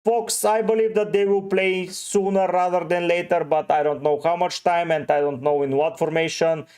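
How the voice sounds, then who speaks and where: A man's voice: high voice, little pitch movement, normal speed, darkish tone, clear, resonant tone. Man answering livestream chat. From Bulgaria. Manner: reads out chat names and gives short, offhand answers. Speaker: fantasy football streamer.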